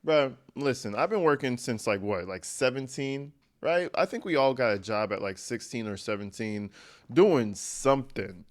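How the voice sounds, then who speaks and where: A man with a medium-pitched voice delivers informal true-crime commentary. He talks bluntly and with slang, addressing listeners directly and leaning hard on key words. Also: expressive, moderate pace.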